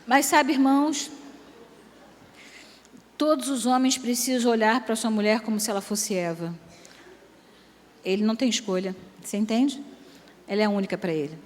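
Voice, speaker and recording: A woman's voice: a little high, normal speed, pauses often, darkish tone. Woman preaching with humor in a reverberant church. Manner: humorous, acts out quoted voices. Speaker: church speaker. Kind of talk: sermon with jokes. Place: large church hall.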